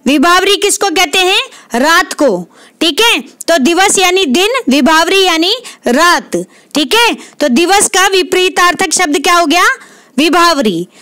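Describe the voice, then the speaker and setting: A woman tutoring for an exam who takes her time, puts a question to herself, answers it and says the key word again. Her voice sits very high and lively, bright and tense. The sound is dry and close. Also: unhurried, no echo. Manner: repeats key words, asks and answers her own questions. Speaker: Hindi literature exam tutor. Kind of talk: quiz explanation lesson.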